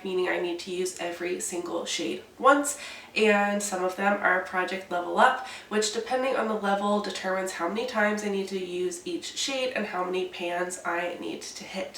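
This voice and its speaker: Her voice mid-range and a bit bright, a young woman with cold-clogged, stuffy speech talks through a makeup update vlog in a chatty way, covering products in detail. Echo from the room, a far-off mic and slight hiss mark the audio.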